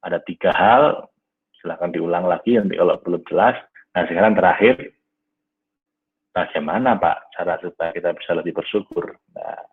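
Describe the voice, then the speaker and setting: Low, husky man teaching over a tinny line. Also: normal speed, pauses often. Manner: warm, conversational lecturing, often says "Nah" and addresses "Bapak Ibu". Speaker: teacher of an online class. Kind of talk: live online class with questions from listeners. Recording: tinny phone-like audio.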